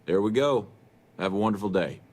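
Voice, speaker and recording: A man's voice: lowish voice, animated, a little fast, darkish tone. A man playing a nervous, hesitant new archive clerk in a video game, politely flustered and eager to please. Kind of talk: video game character dialogue.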